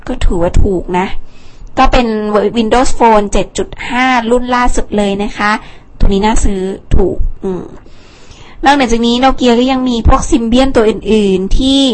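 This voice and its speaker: A woman's voice: fairly high pitch, normal speed, a little hiss or hum. A young woman hosting a casual phone rundown, chatty, with fillers and asides. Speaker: tech show host.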